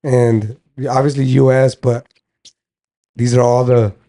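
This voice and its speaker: A young man co-hosting a casual podcast chat, explaining things in a halting way as he reads lists off his phone. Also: mid-range voice, little pitch movement, warm tone. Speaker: podcast co-host.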